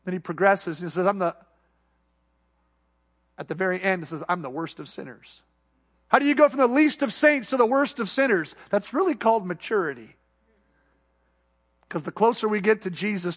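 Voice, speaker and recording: Man, pastor, sermon, high-pitched voice, emphatic then hushed delivery. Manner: preaching with rising emphasis and soft, quiet asides.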